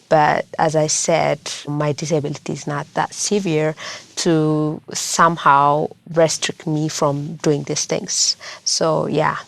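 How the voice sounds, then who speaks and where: A young woman, a lawyer and social worker, answering interview questions in a measured, earnest way. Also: deep voice, gravelly. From Ethiopia.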